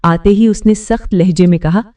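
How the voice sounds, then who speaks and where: A woman narrating in first person as a grieving mother, telling of her family's ruin in slow, sorrowful storytelling. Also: lowish voice, warm tone, far from the mic, lightly acted.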